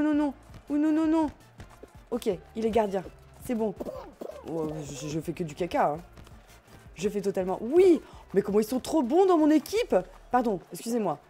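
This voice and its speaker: A young woman streaming a party game, commenting in an excitable, laughing, self-mocking way. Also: fairly high pitch. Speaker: gaming streamer. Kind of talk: live let's play commentary. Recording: faint game music behind.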